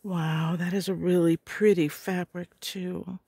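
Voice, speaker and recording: A middle-aged woman, a little hoarse, chatting casually and gushing as she opens craft supplies. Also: on the low side, little pitch movement, warm tone, dry recording. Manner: gushing, slow and murmuring. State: hoarse, clearing her throat. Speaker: craft vlogger. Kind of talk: casual unboxing chat.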